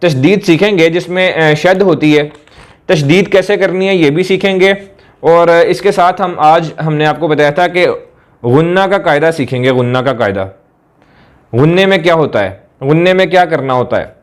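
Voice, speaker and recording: A man with a fairly high voice gives a recitation lesson. He explains each rule, then stretches the examples out slowly and repeats syllables. Short hesitations break up his explanations. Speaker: Quran recitation teacher. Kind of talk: slow classroom explanation with drawn-out recited examples.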